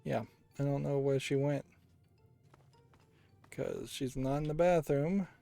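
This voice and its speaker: A man's voice: mid-range voice, steady tone, slow, gravelly, warm tone. A man giving casual, analytical video game commentary, musing aloud as he plays. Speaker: host of a video game playthrough. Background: game music.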